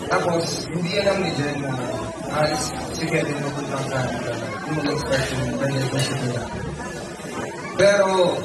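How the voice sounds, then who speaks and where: A man's voice: on the high side, normal speed. Echoey, distant Filipino man giving wedding toast. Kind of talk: informal wedding toast speech. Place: large echoey wedding reception venue. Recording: echoey hall, distant, music and crowd behind.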